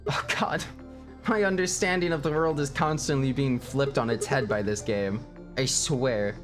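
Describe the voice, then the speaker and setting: Speaking in a mid-range voice at normal speed, a man chats casually while streaming a video game. He laughs a lot, stays animated and giggly, and reads game lines aloud, with faint game music in the background.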